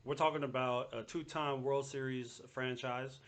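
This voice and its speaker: A man in his thirties hosts a casual sports podcast, his mid-range voice steady and a bit bright at a normal speed. His delivery is slangy and full of banter.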